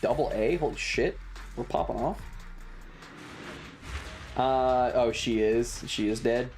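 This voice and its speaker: Casual livestream chat comes from a variety streamer mid-game, peppered with profane slang and playful exclamations, delivered in a mid-range, slightly mellow voice.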